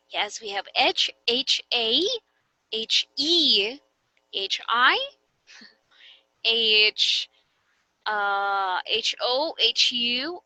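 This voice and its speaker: Bright high-voiced woman teaching slowly. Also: dry recording, poor audio. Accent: Filipino English. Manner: patient, guiding questions with frequent okay and right. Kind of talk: classroom teaching demonstration.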